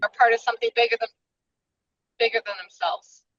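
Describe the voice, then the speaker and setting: A woman in her fifties calls in over her car's speakerphone while driving, her voice sitting a little high and bright. She speaks earnestly, giving thanks and introducing herself. The sound is dull and set back from the mic, the way a phone speaker in a moving car sounds. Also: flat delivery, a little fast, recorded from a distance. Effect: phone speaker audio from a moving car. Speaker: participant on a group video call. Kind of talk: brief self-introduction.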